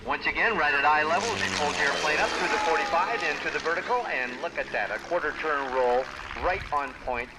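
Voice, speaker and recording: A man with a slightly high voice delivers descriptive, technical play-by-play as an airshow commentator. He is recorded outdoors with clear noise from aircraft engines behind him. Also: brisk, hardly any pauses. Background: propeller aircraft engine noise.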